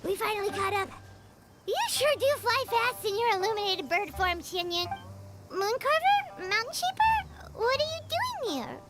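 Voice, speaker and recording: Paimon, a squeaky fairy sidekick. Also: female voice, sing-song, normal speed, very noisy. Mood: surprised. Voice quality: high squeaky childlike voice. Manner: talks about herself in third person. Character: tiny floating fairy companion, chirpy and blunt. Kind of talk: game cutscene dialogue. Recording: game audio with music underneath.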